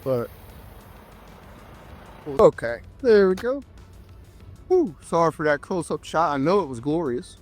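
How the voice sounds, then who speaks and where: A man with a somewhat high, nasal voice, congested and under the weather, talks casually to his viewers. He sounds like an everyday folksy trucker walking them through his routine, with a little music behind him. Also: big pitch swings, measured pace, pauses often. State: sick with a cough and congestion. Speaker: trucker vlogger. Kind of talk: casual vlog chat to viewers.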